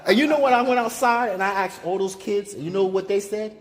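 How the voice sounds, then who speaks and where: This man's voice sits high and moves a little quickly. Holding his phone, he films laid-back street interviews in the city and from a car, talking in chatty slang for a casual vox pop.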